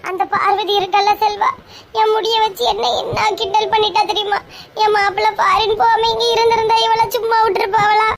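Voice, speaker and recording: A woman's voice: extremely high pitch, little pitch movement, brisk. A woman with a Kanyakumari Tamil accent playing an anxious, tearful young woman in a comedy skit. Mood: upset. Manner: tearful, fretting.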